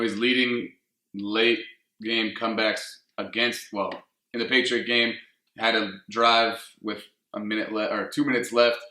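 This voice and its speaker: A man's voice: medium pitch, pushed and bright. A man co-hosting a casual sports radio show from home, talking in a laid-back way with fillers. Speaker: co-host. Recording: echoey room.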